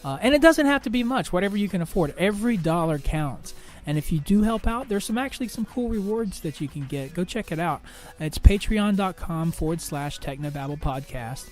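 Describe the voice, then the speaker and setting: A young man hosting a podcast, talking through personal troubles in a halting monologue full of restarts, fillers and swearing. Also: high voice, animated. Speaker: podcast host.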